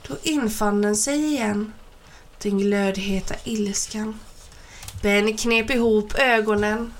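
A woman narrating a children's storybook aloud in a steady, expressive reading. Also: medium pitch, slight background noise.

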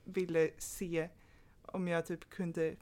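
A young woman co-hosting a podcast, asking questions thoughtfully and slowing down as she searches for words. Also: lowish voice, level tone, warm tone. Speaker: podcast host. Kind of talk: casual chat.

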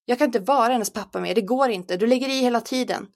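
A bitter, angry man shouting back at his partner, as a woman narrator reads him. The voice has a creaky, gravelly edge and stays close to the reader's own tone. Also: fairly high pitch, close to an everyday voice.

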